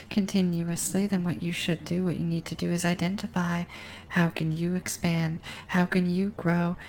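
A woman guiding a hypnosis session, speaking in a slow, repetitive, hypnotic cadence with a sultry, intimate tone aimed at the listener. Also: lowish voice, gravelly, a little mellow, slight background noise, poor audio. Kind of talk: guided hypnosis recording.

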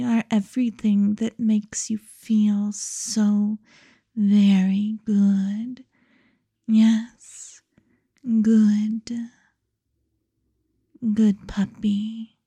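In a slow, hushed and commanding delivery, a woman hypnotist often drops to a whisper, staying close to the microphone. The recording is dry, and her voice sits in the mid-range.

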